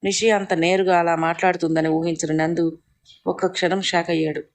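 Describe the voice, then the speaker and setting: A storyteller giving a scripted narration of a family drama in a steady, even manner. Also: medium pitch, a little fast.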